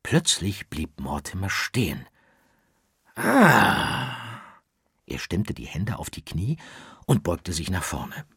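A man narrating a children's audiobook slowly and expressively, with dramatic whispers. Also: deep voice, big pitch swings, slightly rough, dry recording, studio quality.

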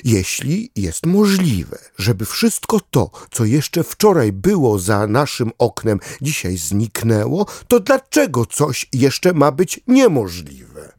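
A man doing a slow musing little dog. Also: medium pitch, sing-song, darkish tone, husky, dry recording, studio quality, heavily acted. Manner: slow, pondering. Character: thoughtful male dog, calm and musing. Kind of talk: audiobook character voice.

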